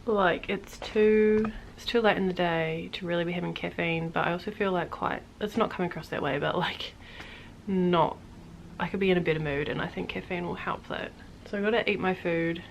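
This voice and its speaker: A young woman, chatting casually to camera in a home vlog, rambling as she thinks out loud. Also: lowish voice, normal speed, gravelly, highs cut off, a little hiss or hum. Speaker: vlogger.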